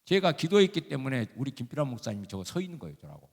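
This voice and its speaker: Very fast and sing-song at a medium pitch, an older male emeritus pastor delivers an emphatic, folksy sermon, firing off rhetorical questions. The long reverb of the church sanctuary where he's recorded is clearly audible.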